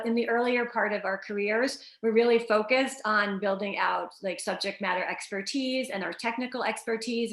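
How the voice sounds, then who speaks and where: Chatty woman coaching in an echoey room. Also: medium pitch. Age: middle-aged. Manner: relaxed, many fillers and restarts. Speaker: career coach co-hosting a webinar. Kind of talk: conversational webinar presentation.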